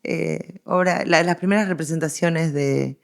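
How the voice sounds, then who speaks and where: A middle-aged woman with a Rioplatense Argentine accent speaks a little slowly in a low-pitched, creaky voice. She is the expert guest in a conversational interview, emphatic in her explanations and given to digressions.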